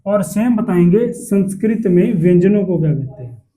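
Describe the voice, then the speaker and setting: High-voiced male teacher, drilling questions. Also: expressive, moderate pace, mellow. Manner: repeats questions and answers them himself. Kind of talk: classroom lesson.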